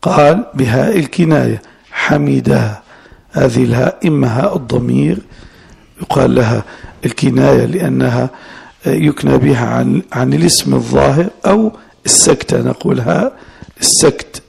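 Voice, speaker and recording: A man teaching a classical law text as sheikh, explaining slowly and repeating his student's words. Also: medium pitch, gravelly, a little mellow, breathy edge. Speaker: sheikh teaching Hanafi fiqh.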